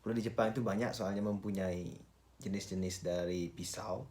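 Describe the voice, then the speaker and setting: A man talks in a fairly low voice, in the loose style of a vlogger. He switches between two languages as he presents, pausing and repeating words in an informal, chatty way. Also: steady tone, a little mellow. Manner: informal, halting, repeats phrases and address tags. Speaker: vlogger and cook.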